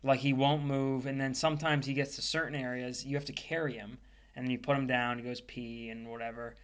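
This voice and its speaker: A man's voice: mid-range voice, little pitch movement, brisk, smooth. A man co-hosting a podcast, chatting casually and rambling with lots of fillers. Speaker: podcast co-host. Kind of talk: casual chat.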